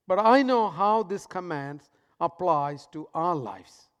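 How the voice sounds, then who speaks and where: A man preaching a sermon as pastor, swinging between loud emphatic lines and hushed, soft ones. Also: high voice, expressive, slow pace, clean tone, in a large hall.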